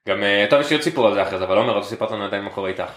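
A man's voice: on the low side, reverberant. A man telling a funny story to friends as podcast co-host, acting out what other people said. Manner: animated, acts out other people's lines. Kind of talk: comic storytelling among friends.

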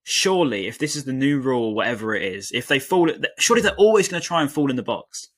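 A man's voice: mid-range voice, very animated, quick pace. A young man co-hosting a football podcast, venting his frustration in casual chat. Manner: frustrated, ranting. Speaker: podcast co-host.

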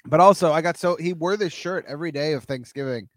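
Deadpan, slightly higher-voiced young man. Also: quick pace, no room sound, studio quality. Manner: deadpan, sardonic. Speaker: podcast co-host. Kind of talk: casual comedic chat.

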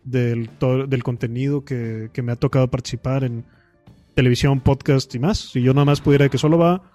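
A man's voice: mid-range voice, fairly even intonation, normal speed, mellow, faint music behind. A man, a podcast guest and author, talking casually with slang and many fillers.

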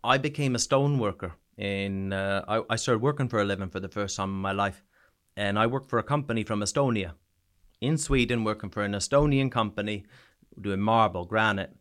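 On a podcast, a man who came back from war tells his personal story in a frank, hesitant way. He hails from a small eastern Canadian town in New Brunswick, speaks with a Canadian accent edged with an Irish-sounding twang, and has a lowish, slightly bright voice.

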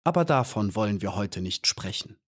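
A man reading an audiobook and voicing a wise male flower elf who speaks calmly and earnestly. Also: fairly low pitch, moderate pace, slightly rough. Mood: serene. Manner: calm and earnest.

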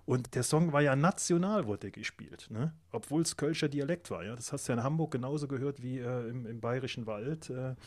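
Man, co-host, mid pitch, explanatory, casual, frequent fillers. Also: brisk, hardly any pauses, a little mellow. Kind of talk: casual chat.

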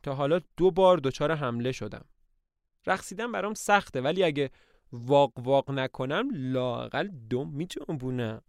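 A man's voice: mid-range voice, clear, resonant tone, no echo, clean studio sound, natural voice. A man reading the lines of a self-pitying older landowner buried in debt. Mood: rueful.

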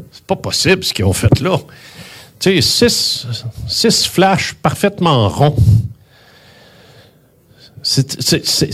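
A man in his seventies with a Québécois accent, telling a personal story in an emphatic, animated way and swearing often. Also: mid-range voice, husky. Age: 70s.

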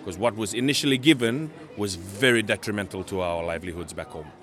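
A man from Fiji, giving earnest interview answers and pausing to search for words. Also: fairly low pitch, a bit bright. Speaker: Pacific island campaigner interviewed at a meeting.

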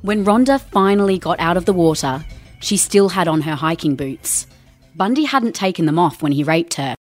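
A woman narrating a documentary in an even, measured, scripted delivery. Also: lowish voice. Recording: dry studio sound with faint music.

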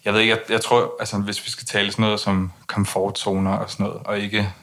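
As an interview guest, a young man talks candidly about personal matters. His delivery is monotone and low-key, with many hesitant restarts.

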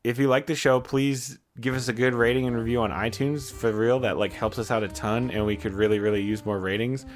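A man's voice: medium pitch, fairly even intonation, a little fast, few pauses, faint music behind. A man co-hosting a comedy podcast, chatting casually and playfully, often breaking into giggles. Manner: playful, giggly, stammering bits. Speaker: podcast co-host.

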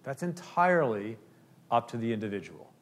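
A man's voice: medium pitch, big pitch swings, normal speed. A man who says he is an economist, explaining his view and answering audience questions, often checking in with "okay?". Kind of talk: lecture Q&A.

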